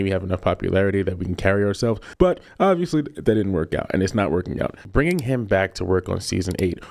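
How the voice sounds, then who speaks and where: A man in his thirties delivers a heated, repetitive opinion rant as a commentary host. His voice sits fairly low, and he talks in an emphatic, insistent way. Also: a little mellow.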